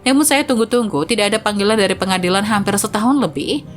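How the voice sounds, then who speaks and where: A woman's voice: medium pitch, fast, soft background music. A woman narrating a first-person moral story in an earnest, moralizing way.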